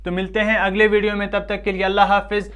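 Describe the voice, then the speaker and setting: High, smooth-voiced male tajweed teacher. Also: completely flat delivery, a bit bright. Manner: slow, drawn-out chanted recitation of examples; patient teacher who asks questions and answers them himself. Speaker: Quran recitation teacher. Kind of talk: tajweed lesson, explaining rules.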